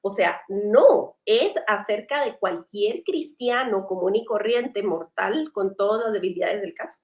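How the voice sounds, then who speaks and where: A woman's voice: mid-range voice, a little slow. A woman hosting a church panel discussion, earnest and conversational, asking pointed questions. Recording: roomy echo.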